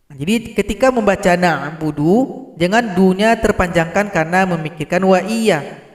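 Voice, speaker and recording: Man teaching tajweed, high voice, slow measured delivery, echoing room. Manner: explains slowly, then recites verses in drawn-out chant. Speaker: Quran recitation teacher. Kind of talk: tajweed lesson with recited examples.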